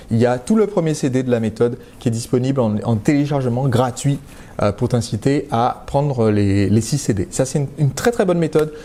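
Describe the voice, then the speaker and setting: French man, live-stream host; warm, mellow delivery, direct and chatty, restarts often. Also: mid-range voice. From France. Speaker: entrepreneur hosting a live stream. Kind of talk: casual live-stream talk.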